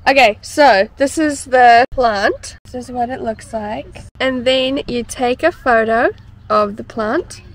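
A woman vlogger talks casually and chattily in a high-leaning voice at a slow pace, moving through a living room, a car park, and an outdoor cafe. She holds the camera at arm's length, and the low-quality handheld recording picks up background noise.

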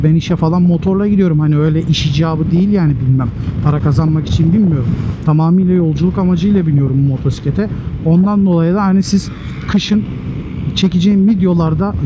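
A man from Turkey giving casual, emphatic advice as a motorcycle vlogger, talking to viewers like friends from inside a helmet. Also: sits high. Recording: muffled helmet mic, loud outdoor traffic noise.

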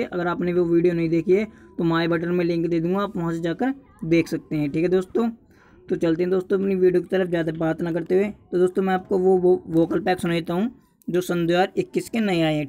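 A young man with a high-pitched, slightly mellow voice narrates a casual YouTube tutorial. He keeps urging his viewers on and calls them his friends.

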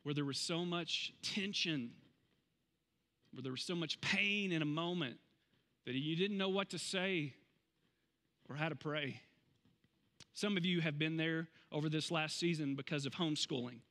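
A man in his forties preaching a sermon on a church stage, conversational and emphatic, slowing down to stress key phrases. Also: on the high side, pushed and bright. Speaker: pastor. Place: large church stage, indoors. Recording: long reverb of a large hall.

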